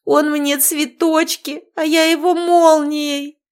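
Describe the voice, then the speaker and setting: A woman's voice: high-pitched, level tone, takes it slowly, pitched above the performer's own voice. A woman reading aloud, voicing a young heroine who is crying in distress. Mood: tearful.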